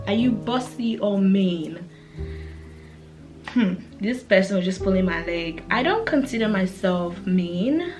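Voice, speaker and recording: A woman in her twenties from Africa vlogs casually to camera in a medium-pitched voice. She's relaxed, with plenty of fillers and restarts, and music plays behind her.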